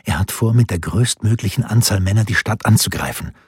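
A man reading a worried, devoted noblewoman, husky low voice. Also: fairly quick, no room sound, studio quality.

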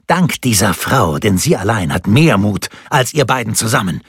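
A man's voice: on the low side, sing-song, normal speed, a bit bright, husky, dry recording, clean studio sound, full character voice. A man voicing a scornful, powerful nobleman who mocks and threatens his enemies in a raised voice. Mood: mocking. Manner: mocking, sneering, commanding.

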